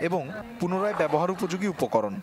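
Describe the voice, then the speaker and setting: A man's voice: sits high, very animated, brisk. A man with a Bangladeshi accent narrating a scripted television news report as its reporter. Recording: crowd noise behind the voice.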